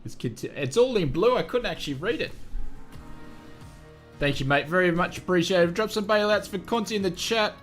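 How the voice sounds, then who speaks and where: A man's voice: high-pitched, normal speed, a bit bright, soft background music. An Australian man chatting casually on a live flight sim stream, self-mocking and laughing often.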